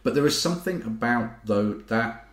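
A man's voice: medium pitch, animated. A man in a casual discussion, talking in long rambling sentences and correcting himself as he goes. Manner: rambling, self-correcting, talks fast. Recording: echoey room.

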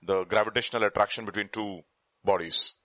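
A man's voice: fairly low pitch, fairly even intonation, fairly quick, pushed and bright, no room sound. A man with an Indian accent preaching in an informal lecturing style, emphatic and putting rhetorical questions to his listeners.

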